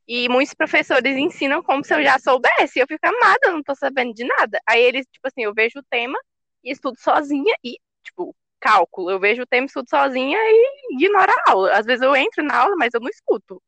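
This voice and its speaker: A woman's voice: high-pitched, lively intonation, fast, a bit bright, no room sound. A young woman, a student, chatting casually in a frank, exasperated way. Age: young adult. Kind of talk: casual chat.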